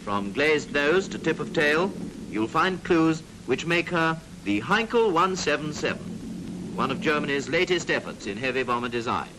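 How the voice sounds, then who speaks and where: At a moderate pace and with lively intonation, a British man with a fairly high voice narrates a 1940s military training film. His clipped, instructive delivery includes dry, jokey asides, heard through a noisy 1940s film soundtrack.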